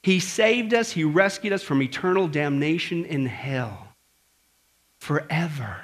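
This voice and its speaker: A man preaching a sermon as pastor in a church, lively and conversational, acting out voices and asking the congregation questions. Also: on the high side, a little slow. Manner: animated, acts out grumbling voices and asks the audience questions.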